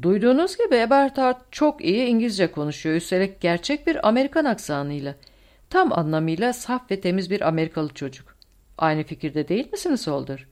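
A woman's voice: mid-range voice, sing-song, brisk, darkish tone, natural voice. Woman playing a stern barking male colonel. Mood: commanding. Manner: barking orders.

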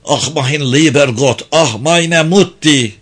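A man's voice: on the high side, slow, a bit bright, slightly rough, voice pushed up, heavily acted. A man voicing a young dying German soldier who cries out in sobbing anguish.

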